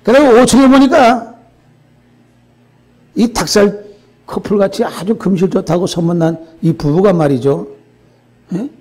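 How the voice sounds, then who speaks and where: High-voiced older pastor preaching. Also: male voice, unhurried, pauses often. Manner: animated storytelling, frequent "예?" to the congregation. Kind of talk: sermon.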